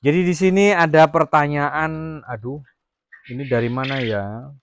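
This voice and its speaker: A man's voice: fairly high pitch, measured pace, slight background noise. A man from Jambi, Indonesia, running a casual farm vlog about raising quail, rambling with many fillers and restarts. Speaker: quail farmer vlogger. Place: quail farm, near the cages.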